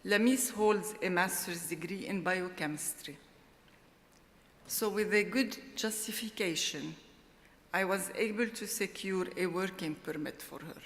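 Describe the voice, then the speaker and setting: A middle-aged woman gives a formal award acceptance speech at a podium microphone, in a slow, deliberate and heartfelt way. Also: on the low side. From Lebanon. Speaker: award laureate. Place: large ceremony hall. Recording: long hall reverb.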